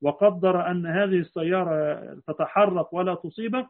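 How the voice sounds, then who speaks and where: A man's voice: high-pitched, fairly even intonation, normal speed. A man with an Egyptian Arabic accent teaching a creed lesson as a religious teacher, explaining with rhetorical questions. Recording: tinny phone-like lo-fi recording.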